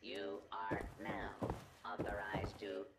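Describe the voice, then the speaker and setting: A glitching robot marcher in a video game, stuck on error messages and reading them out in a gravelly, monotone drone. The delivery is slow and lowish, and loud noise hisses under the recording. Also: male voice, roomy sound. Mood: malfunctioning. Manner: flat, mechanical announcement delivery. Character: malfunctioning parade-marcher robot, male, stiff. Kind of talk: video game character dialogue.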